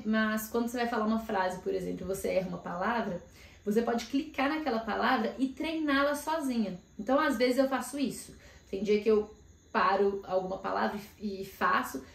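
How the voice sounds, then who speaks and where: A casual woman from Brazil, in her thirties, talks to camera as a career mentor, thinking aloud and dropping little fillers as she goes. Her voice sits at a middling pitch. The room around her is echoey. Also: darkish tone. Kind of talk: casual vlog talk to camera. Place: home room in Australia.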